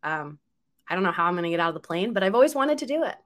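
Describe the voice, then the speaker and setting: A woman's voice: on the low side, very animated, racing. A woman co-hosting a podcast, friendly and a little self-deprecating in casual chat. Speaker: podcast co-host.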